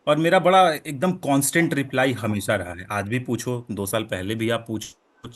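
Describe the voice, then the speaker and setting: A young man co-hosting a podcast, chatting casually, laughing often and wrapping things up at length. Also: medium pitch. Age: young adult. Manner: laughs often, drawn-out conversational wrap-up. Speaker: podcast co-host.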